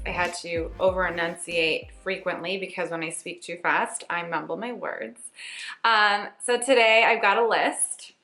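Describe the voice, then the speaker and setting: A woman in her late twenties, a lifestyle blogger chatting through a casual rapid-fire Q&A with a playful, self-teasing manner. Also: mid-range voice, bright, forceful tone, reverberant. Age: late 20s.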